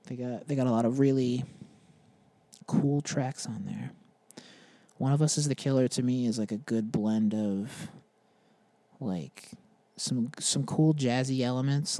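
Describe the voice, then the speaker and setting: A man's voice: mid-range voice, mellow, dry recording. A young man hosting a podcast, chatting casually about bands in a rambling way with lots of fillers. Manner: rambling, filler-heavy, laughs at himself. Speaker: podcast host. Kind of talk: casual music chat.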